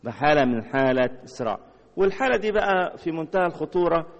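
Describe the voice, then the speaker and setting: A man's voice: a little high, big pitch swings, fast talker, in a large hall, dull audio. A man with an Egyptian accent preaching a sermon, repeating phrases and answering his own rhetorical questions. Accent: Egyptian Arabic. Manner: rhetorical questions, heavy repetition.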